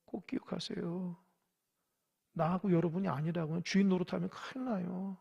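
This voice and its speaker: High, gravelly-voiced male pastor preaching. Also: steady tone, moderate pace, highs cut off. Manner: emphatic preaching that swings between loud urging and hushed whispers; questions the congregation directly. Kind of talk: sermon. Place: church sanctuary.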